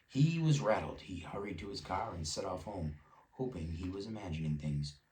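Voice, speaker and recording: A man reading a storybook aloud to his child in a relaxed way, now and then stopping to chat with them. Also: sits low, reverberant, distant mic, poor audio. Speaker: parent reading a bedtime story.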